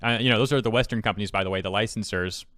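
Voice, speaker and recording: A YouTube commentary host with a lowish voice talks very fast in a pushed, bright way, reading out tweets and reacting with sarcasm, mockery and pointed rhetorical questions. The recording is studio quality, with no echo.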